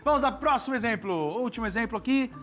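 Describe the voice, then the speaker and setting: A showy, high-pitched language-teaching doctor. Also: male voice, soft background music. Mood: upbeat. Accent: Brazilian Portuguese. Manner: animated, drawn-out words, playful calls to kids. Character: cheerful, theatrical male doctor who teaches languages. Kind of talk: scripted children's TV teaching.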